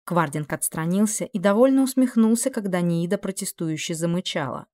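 A woman's voice: fairly low pitch, expressive, a little fast, a little mellow. A woman narrating a dramatic fantasy audiobook expressively, acting out the dialogue. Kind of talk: dramatic fiction reading.

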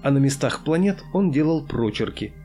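A man narrating a science fiction audiobook in an even storytelling manner. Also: on the high side, moderate pace. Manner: even storytelling with acted dialogue. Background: faint music.

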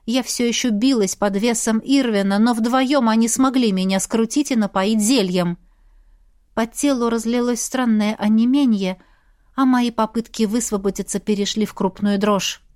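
Woman, audiobook narrator, first-person fantasy, expressive, fairly high voice, dry booth sound. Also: moderate pace, no room sound. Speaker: audiobook reader.

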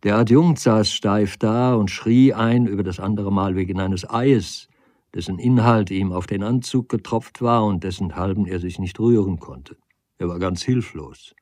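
A man reading a literary novel aloud as an audiobook, in a calm, measured storytelling manner. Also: deep voice, dry recording. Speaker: audiobook reader.

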